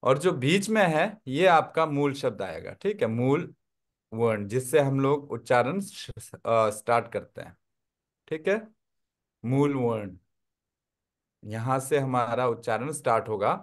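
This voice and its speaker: A man's voice: medium pitch, lively intonation, a little slow. A man teaching a Tibetan script class online, explaining step by step and often checking that his listeners follow. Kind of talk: online language lesson.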